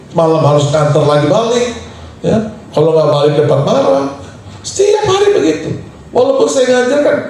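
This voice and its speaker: Man, pastor, sermon storytelling, mellow voice, higher-pitched, faint room hum. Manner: storytelling, animated, laughing through anecdotes. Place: church sanctuary. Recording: echoey church hall from far off.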